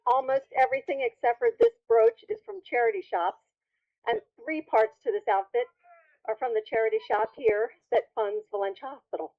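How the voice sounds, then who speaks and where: A woman's voice: on the high side, expressive, fairly quick. A woman with a west of Ireland accent from Kerry, giving chatty interview answers as a contestant into a dull-sounding event microphone. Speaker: best dressed contestant being interviewed.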